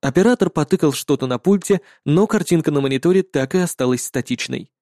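A man reading a first-person story aloud in a calm, matter-of-fact way. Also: a little high, quick pace, no echo, studio quality. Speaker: narrator. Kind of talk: first-person audiobook narration.

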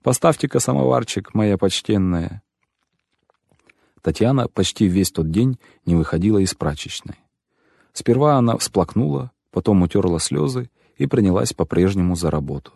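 A man narrating a literary story as an audiobook reader, measured and even. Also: low voice, creaky, husky, no echo, studio quality.

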